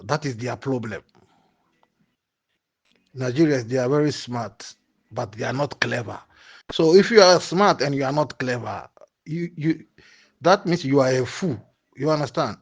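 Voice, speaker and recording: A man speaking in a recorded voice message, slow and preachy, repeating his points. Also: mid-range voice. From Ghana. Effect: recorded voice message played back. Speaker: caller sending a voice note.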